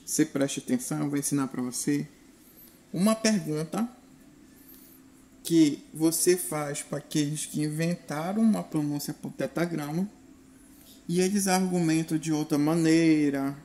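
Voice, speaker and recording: A man's voice: a little high, a little slow, warm tone. A man, giving a direct, instructive video lesson to the viewer. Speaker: religious teacher.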